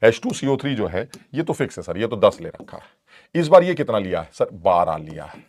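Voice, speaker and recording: A man's voice: fairly low pitch, big pitch swings, normal speed, a little mellow, no room sound, studio quality. A man giving an online chemistry lecture in a playful way. He keeps asking the class questions and acts out little back-and-forths between teacher and student. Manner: switches between teacher and student voices in dialogue.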